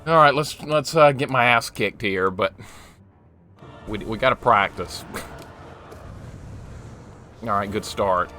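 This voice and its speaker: With soft music playing behind him, a forties-aged streamer chats casually with viewers and reacts to his gameplay. His lowish voice is bright and forceful, and he takes it slowly, leaving long pauses.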